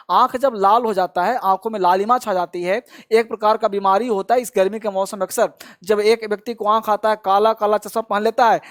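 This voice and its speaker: Male teacher, high voice, repetitive drilling style, encouraging. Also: a bit bright. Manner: repetitive drilling, prompting listeners to repeat after him; frequent encouraging praise. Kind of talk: spoken vocabulary lesson.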